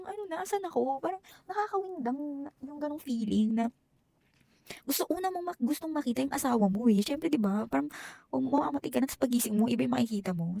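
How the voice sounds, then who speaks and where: Young woman vlogger, gravelly voice, dry close sound, emotional personal story. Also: high voice, dark tone, no echo. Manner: emotional, Taglish code-switching, chatty asides.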